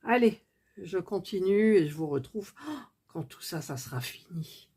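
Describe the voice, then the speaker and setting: A woman's voice: lowish voice, lively intonation, moderate pace, dark tone. A woman chatting casually as she works on a craft project, thinking aloud with lots of fillers and restarts. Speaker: craft vlogger.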